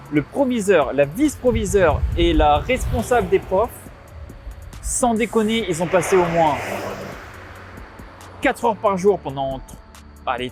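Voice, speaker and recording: Exasperated man ranting outdoors, high voice. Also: darkish tone. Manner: exasperated, swearing, quoting others in mocking voices. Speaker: vlogger. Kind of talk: casual vlog rant.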